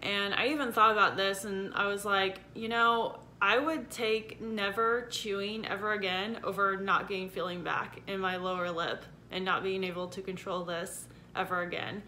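A woman's voice: medium pitch, steady tone, normal speed, hardly any pauses, bright, forceful tone, a little hiss or hum. A woman in her thirties chatting casually to camera at home, talking with a sore, stiff jaw and a numb lip that slightly hampers her articulation. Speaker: vlogger giving a surgery recovery update. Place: indoor room at home.

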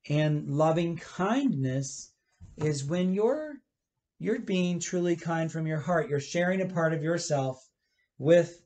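A pastor in his fifties gives a children's church lesson, explaining gently and rephrasing as he goes while gesturing. His voice is on the high side and animated, and he takes it slowly. It was recorded on a webcam in a church library.

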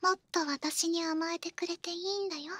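A young woman voicing a possessive, coddling female wizard in ASMR role-play, coaxing with soft menace. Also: very high-pitched, steady tone, normal speed, no room sound. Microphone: close, dry studio microphone.

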